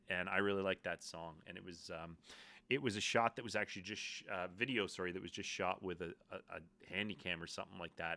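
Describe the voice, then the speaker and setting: A man's voice: on the low side, pushed and bright. A man hosting a casual vlog, talking to camera in a rambling, self-deprecating way with many asides. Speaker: YouTube host.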